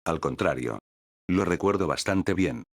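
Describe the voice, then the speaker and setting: A male narrator voicing a calculating, scheming supervisor who speaks calmly, with sarcasm and probing questions. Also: low voice, a little slow, slightly rough, no echo, full character voice. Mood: sardonic.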